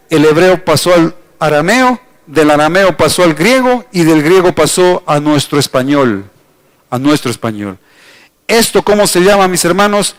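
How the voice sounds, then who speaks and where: A middle-aged Ecuadorian pastor with a bright, high-pitched voice teaches his congregation. He speaks with an Ecuadorian accent, talks to the people directly, and slows right down when he spells out a word. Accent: Ecuadorian Spanish. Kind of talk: teaching sermon. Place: church hall.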